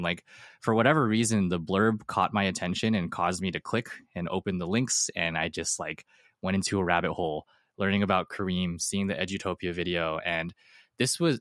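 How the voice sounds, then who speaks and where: Man, teacher guest, very low voice, eager rambling talker, dry sound. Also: a bit bright, no room sound. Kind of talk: casual interview chat.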